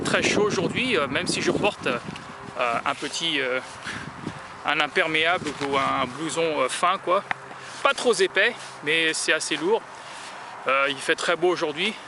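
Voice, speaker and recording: A man from France vlogging as he walks outdoors, talking in a rambling, hesitant way full of filler sounds. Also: fairly high pitch. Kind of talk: casual walking monologue. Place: outdoors in a town, walking in the sun. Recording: noisy outdoor street recording.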